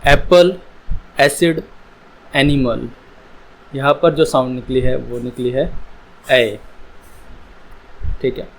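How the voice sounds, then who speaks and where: A man teaching an English pronunciation lesson, drawing out each letter sound slowly. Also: medium pitch, creaky, poor audio. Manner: slow, drawn-out sounding of letters. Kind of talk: slow spoken English lesson.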